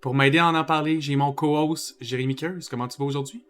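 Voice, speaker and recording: Québécois male podcast host, casual, jokey, slightly high voice. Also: brisk. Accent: Quebec French. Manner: laughs often, relaxed joking.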